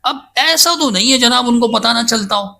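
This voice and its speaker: A man's voice: very high-pitched, creaky, sharp tone. A man speaking as a guest scholar in a podcast interview, insistent and emphatic as he defends himself at length. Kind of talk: casual debate-style interview talk.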